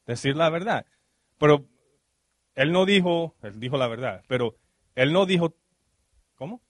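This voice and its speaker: Expressive and on the high side, a man's voice with no echo preaches a sermon at a church service. He repeatedly checks on his listeners with short "ok?" cues and questions, and English fillers creep into his Spanish.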